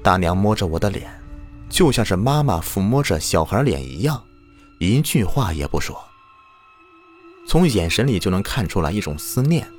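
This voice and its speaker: A man's voice: lowish voice, big pitch swings, moderate pace, a little mellow. A man hosting a ghost story program, narrating a submitted story dramatically. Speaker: storyteller host. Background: faint background music.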